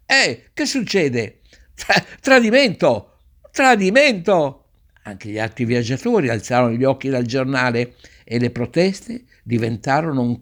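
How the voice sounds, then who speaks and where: A man narrating a children's story aloud in an expressive read-aloud style, slowing and softening for effect. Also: medium pitch. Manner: expressive, varies pace for effect.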